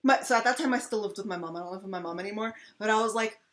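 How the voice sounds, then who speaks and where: A woman's voice: medium pitch, racing, slight background noise. A woman co-hosting a casual fan Q&A video, telling long rambling stories full of fillers and restarts. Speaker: channel co-host.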